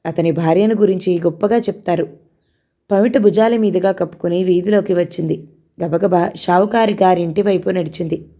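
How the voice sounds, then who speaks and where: A woman narrating an audio novel in a steady storytelling manner. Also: on the low side.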